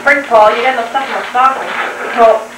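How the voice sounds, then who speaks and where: A woman's voice: a little high, steady tone, a little fast. A woman chatting casually as she opens gifts at home, naming each one aloud, heard on an old VHS home video tape recorded by a camcorder from across the room. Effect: old VHS home video tape sound. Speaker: family member opening gifts. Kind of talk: casual chat. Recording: hissy, roomy old camcorder tape from far off.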